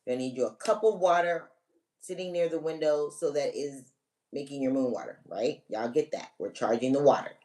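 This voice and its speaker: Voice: medium pitch, brisk, a little mellow. A spiritual reader on a live stream, talking viewers through a ritual step by step in a casual, emphatic coaching way and checking in often. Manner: emphatic, direct commands. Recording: voice a bit distant from the mic.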